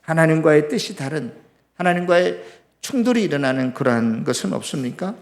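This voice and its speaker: Guy pastor preaching hard, kinda high gravelly voice, keeps asking the congregation stuff. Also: lively intonation, fairly quick. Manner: impassioned, acts out complaints to God in raised voice; asks the congregation questions directly. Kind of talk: sermon.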